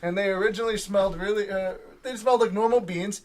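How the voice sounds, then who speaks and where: A young man with a notably high voice hosts a loose, casual podcast conversation. He jokes around and laughs often between his lines. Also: steady tone, fast talker, a little mellow, a little hiss or hum. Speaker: podcast host.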